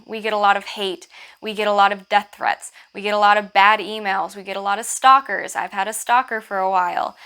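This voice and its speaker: A woman's voice: medium pitch, pushed and bright. A woman vlogger chatting casually to camera with advice, informal and self-deprecating, with a lisp from wearing a retainer. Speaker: vlogger and channel host.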